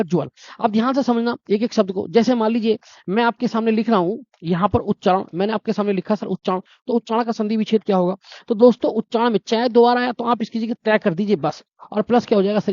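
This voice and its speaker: A man's voice: high-pitched, a little mellow, no room sound, highs cut off. A male teacher explaining a grammar lesson, repeating key points and quizzing his listeners.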